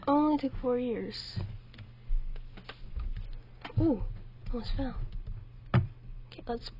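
High-voiced woman with a sore throat. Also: very slow, dark tone, dull audio, a little hiss or hum. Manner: chatty, mild exclamations, talks to herself. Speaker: gameplay video host. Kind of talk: let's play commentary.

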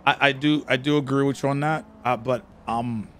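A drunk man streams improvised role-play on a studio microphone. He speaks earnestly and haltingly, searching for each phrase, with some noise behind him. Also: mid-range voice, steady tone, a bit bright. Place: indoor streaming room. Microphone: boom-arm studio microphone.

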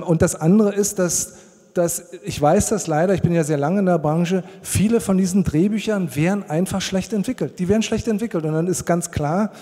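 A man's voice: high-pitched, dark tone. A man in his forties, a producer on a panel, talking bluntly and rambling with many restarts into a handheld mic on a convention stage. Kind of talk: panel discussion. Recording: long hall reverb.

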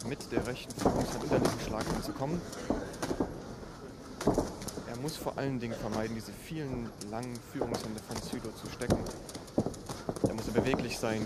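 A man giving live boxing commentary in a measured, explanatory way from inside a sports hall. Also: medium pitch. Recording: loud arena noise behind the commentary.

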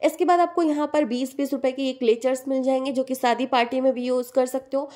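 A shopping vlogger tours an outdoor street market, narrating casually and chattily as she lists one price after another. Her voice sits high with a steady tone and a darkish quality, and she talks fast.

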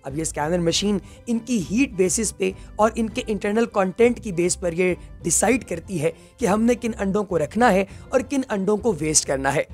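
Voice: medium pitch, lively intonation, moderate pace, few pauses, darkish tone. Voice-over narrator. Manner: addresses listeners as friends, explanatory. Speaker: documentary narrator. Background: faint background music.

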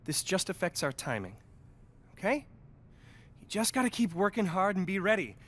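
Slick, high-pitched sports agent. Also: male voice, very animated, a bit bright, slight background noise. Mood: earnest, motivating. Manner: fast-talking, pep-talk persuasion. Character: slick, persuasive young male sports agent. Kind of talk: video game cutscene acting.

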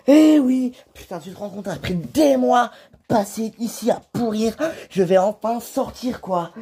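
A man voicing an excitable male prisoner in an amateur toy-figure drama, blurting and swearing. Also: sits high, normal speed, slightly rough. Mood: overjoyed.

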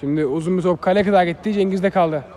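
A man's voice: high voice, fast talker, a little mellow. A man giving live play-by-play commentary of an amateur football match in short clipped phrases, often repeating players' names.

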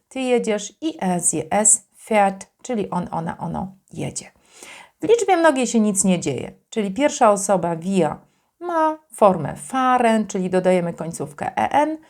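A woman teaching German grammar in Polish, explaining slowly and patiently with fillers. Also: mid-range voice, a little mellow. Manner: slow, careful, patient explanation with frequent fillers.

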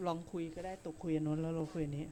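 A woman's voice: low voice, flat delivery, racing, dark tone, a little hiss or hum. Woman doctor testing mics. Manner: testing mics aloud, counting and saying hello. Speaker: doctor co-hosting a live show. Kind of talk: casual chat. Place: music equipment shop.

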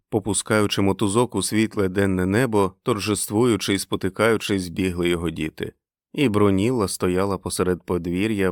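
Low-voiced man narrating a story. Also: dry recording, clean studio sound. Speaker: audiobook narrator.

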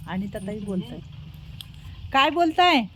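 A woman running an old-age home, gently reassuring a resident, switching between Marathi and Hindi. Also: a little high, sing-song, slow, a little hiss or hum. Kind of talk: comforting vlog talk.

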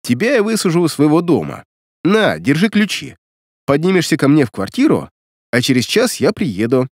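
Male narrator voicing a smitten womanizer, higher and insistent, audiobook read. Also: wildly swooping pitch, moderate pace, no room sound, clean studio sound, heavily acted. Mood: warm. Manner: eager, insistent, pleading. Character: smitten lovestruck womanizer man, pleading. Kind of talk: audiobook character reading.

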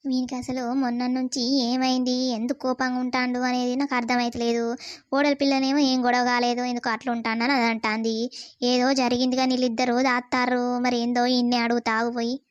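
A woman's voice: fairly high pitch, flat delivery, brisk, no echo, lo-fi sound, lightly acted. A woman doing a nagging worried mother-in-law. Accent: Telangana Telugu. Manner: questioning, scolding. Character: worried middle-aged mother-in-law, nagging but caring. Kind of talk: animated cartoon voice acting.

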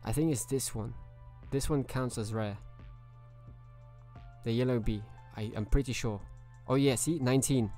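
A man's voice: mid-range voice, normal speed, dark tone, soft background music. Chatty male game streamer. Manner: chatty, greets viewers by name. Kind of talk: casual live-stream commentary.

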